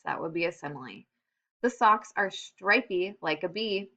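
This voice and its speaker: A woman teacher giving a recorded lesson to young children, upbeat, slowing down to stress example phrases. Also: mid-range voice, bright, forceful tone. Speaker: elementary school teacher. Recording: slightly dull computer-mic sound.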